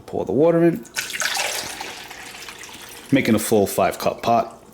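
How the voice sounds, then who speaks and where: A man with a cold, nasal and stuffed up, walks through a product step by step in a casual how-to demo at home, using plenty of fillers. His medium-pitched voice is animated, slow and a little mellow. The room is reverberant, and there's a little hiss or hum.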